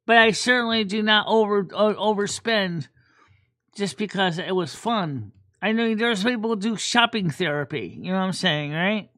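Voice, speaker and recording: Woman, host, casual livestream chat, bright tense voice, rambling, repeats words. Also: mid-range voice, moderate pace. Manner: rambling, repeats words while thinking aloud.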